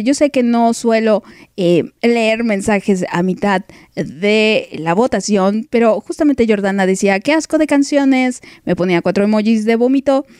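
A woman's voice: on the high side, a little mellow, no room sound. Playful woman, dry close sound. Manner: playful, teasing, laughs often, mock outrage. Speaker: podcast host. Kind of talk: casual music podcast chat.

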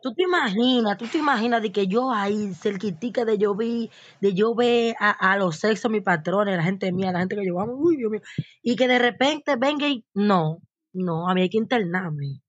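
A woman's voice: medium pitch, normal speed, husky, no echo. A woman co-hosting a podcast, joking and dramatic in casual chat. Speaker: podcast co-host. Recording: dull lo-fi sound.

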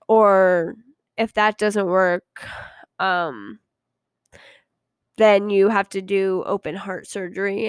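This young woman's medium-pitched voice is gravelly yet clean-toned, recorded at studio quality with no echo. Hosting her podcast, she tells her own story in a casual, rambling, hesitant way, earnest and confiding, with many ums.

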